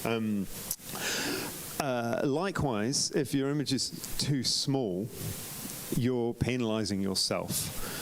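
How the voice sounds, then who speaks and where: On a live-streamed club critique, a man chats his way through competition photographs, correcting himself and restarting sentences with frequent ums. His voice is mid-range and slow, and the poor audio has a little hiss or hum.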